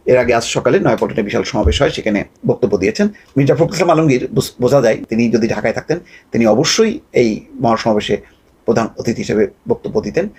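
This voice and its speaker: A man giving a measured, steady news report. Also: medium pitch, husky.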